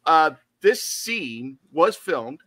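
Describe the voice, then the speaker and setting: A man's voice: a little high, very animated, extremely slow, bright, forceful tone, no echo. A man co-hosting a horror podcast, chatting casually and jokily, often drifting into tangents before reading through background notes. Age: adult, studied in college. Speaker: podcast co-host. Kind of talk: casual chat.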